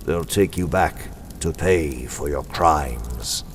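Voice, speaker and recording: An actor playing a commanding, menacing male crime-fighting avenger in the theatrical, deliberate style of 1940s radio drama. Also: rumbling low, big-room sound, slight background noise. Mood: stern, gloating.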